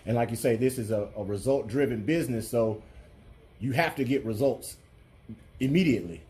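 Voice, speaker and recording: A man's voice: medium pitch, animated, a little fast, a little mellow. A man interviewing a coach in an informal, conversational way, with wordy lead-ins to his questions. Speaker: sports interviewer.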